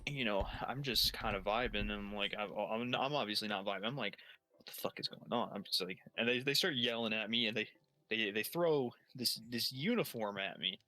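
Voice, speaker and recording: A man's voice: on the low side, a little fast, pushed and bright. A man improvising a long comedic story in first person, swearing constantly and restarting his sentences as he goes. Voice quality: heavy swearing, rambling with many restarts. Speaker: storyteller on a gaming stream.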